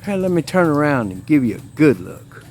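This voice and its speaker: Man vlogger, rambling and defiant, slightly high voice, handheld camera outdoors, cigar in mouth. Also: big pitch swings, moderate pace, gravelly, darkish tone, a little hiss or hum. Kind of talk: casual walking vlog tour. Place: outdoors at a rural family home.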